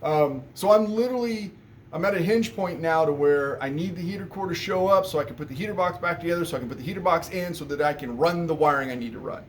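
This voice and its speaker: Talking fast in a slightly high voice over a little background noise, a man who runs an auto repair shop gives a casual update on goings-on there. His talk wanders, full of fillers and false starts.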